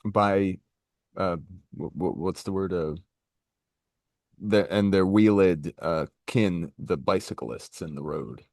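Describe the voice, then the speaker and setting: A man co-hosting a casual history podcast, halting and searching for words, with jokey asides. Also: low voice, a little mellow, dry recording, clean studio sound. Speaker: podcast co-host.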